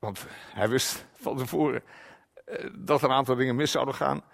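Middle-aged male preacher, rises to loud declaiming, drops to slow hushed emphasis, gravelly edge. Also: mid-range voice. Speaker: guest preacher. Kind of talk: sermon.

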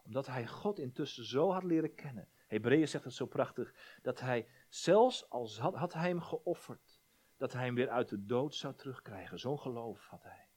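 A man preaching a sermon, stumbling over repeated words and dropping to a hush for quoted prayers. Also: mid-range voice, expressive, normal speed, breathy edge. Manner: repeats words when stressing a point, drops to a hushed voice for prayers.

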